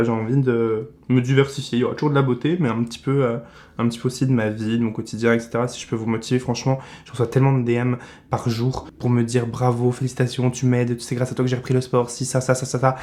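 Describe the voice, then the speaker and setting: A man in his twenties with a French accent, chatting casually in a beauty vlog and giving blunt product verdicts. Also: medium pitch. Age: 20s. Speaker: beauty vlogger.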